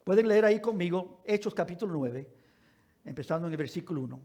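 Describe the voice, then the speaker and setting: A man's voice: high voice, expressive, fast talker, warm tone. A man pastor preaching a sermon and reading scripture aloud, stretching out words for emphasis and correcting small slips as he reads.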